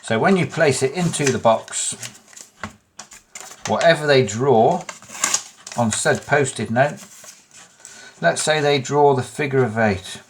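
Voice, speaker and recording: Man, medium pitch, informal tutorial presenter, chatty, self-deprecating, muttered asides. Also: takes it slowly, long pauses, a little hiss or hum. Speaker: magician presenting a card trick tutorial.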